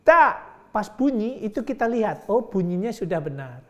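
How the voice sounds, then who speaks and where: A man's voice: high voice, sing-song, brisk, warm tone. A middle-aged man giving a lecture on teaching Quran reading, patiently drilling syllables aloud and praising as he demonstrates.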